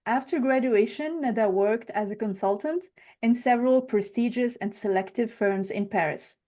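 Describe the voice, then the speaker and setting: A woman's voice: a little high, moderate pace, dark tone. A woman hosting a podcast, reading a polished introduction and then asking interview questions with small restarts. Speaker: podcast host.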